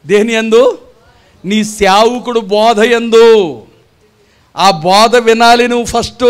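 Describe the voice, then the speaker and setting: High-voiced preacher scolding his flock. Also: smooth. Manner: scolding, rhetorical questions to the congregation; acts out churchgoers' voices mockingly. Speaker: pastor. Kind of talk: Telugu gospel sermon. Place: church gathering.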